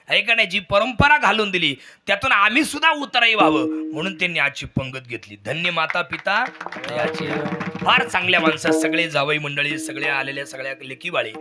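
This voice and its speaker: A man giving a humble, folksy thank-you speech at the close of a devotional kirtan, often asking the crowd to agree with him. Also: a little high. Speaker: kirtan performer.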